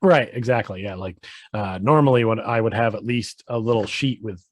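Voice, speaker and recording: A man's voice: on the low side, normal speed, no echo. Chatty male podcast host, dry sound. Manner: loose and chatty, rambling with restarts. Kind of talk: casual chat. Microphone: video call.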